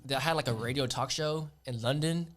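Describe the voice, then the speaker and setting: Young man, podcast guest, quick pace, medium pitch, rambling casual chat. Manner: rambling, many "like" and "you know" fillers.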